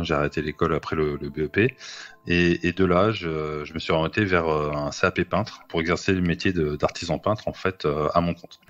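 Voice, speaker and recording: A man in his thirties giving a testimony about his work, hesitant and full of fillers. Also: deep voice. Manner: hesitant, many fillers and restarts. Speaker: assistance worker interviewee. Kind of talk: recorded testimony. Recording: dull lo-fi sound.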